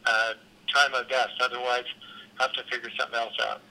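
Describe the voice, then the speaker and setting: A man answering a call heard over a phone on speakerphone, friendly and brisk because he is pressed for time. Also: medium pitch, flat delivery, sharp tone, rough recording. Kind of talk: casual phone conversation.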